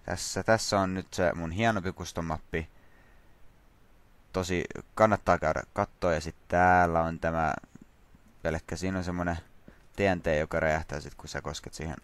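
A gaming channel host gives casual let's play commentary on his own Minecraft session, rambling, mocking himself and using lots of fillers. His voice is low and steady, with no echo.

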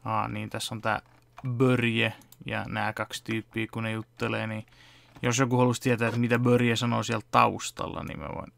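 Fairly low-pitched and gravelly, with no echo, a young man talks near the camera at his home desk about his fan dubbing. The vlogger explains each step in a relaxed way, with fillers, in a casual behind-the-scenes conversation.

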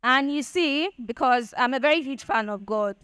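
A woman's voice: high-pitched, normal speed, fairly bright tone, smooth, dry recording. A young woman with a Nigerian accent giving a chatty motivational talk to an audience, often checking "do you understand?". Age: young adult. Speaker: speaker at a Bitcoin event.

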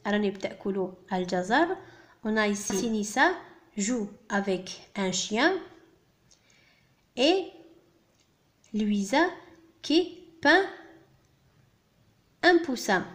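A woman teaching a primary school French lesson, reading words slowly and clearly, spelling out sounds and quickly translating each line. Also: medium pitch, animated.

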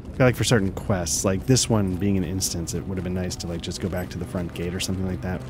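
A man's voice: deep voice, steady tone, fast talker. A man hosting a let's play, talking casually over a video game in an offhand, rambling way. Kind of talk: casual gameplay commentary, reading game text aloud. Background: game music.

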